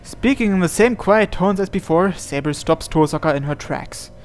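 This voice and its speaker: A man with a high voice reads first-person visual novel narration aloud at normal speed while playing the game. Soft game music plays in the background.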